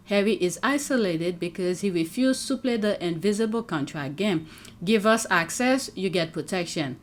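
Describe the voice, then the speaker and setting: A woman with a lowish voice hosts a casual commentary show, reacting to clips and laughing often as she talks to her audience in an animated way. English isn't her first language, and there's slight background noise.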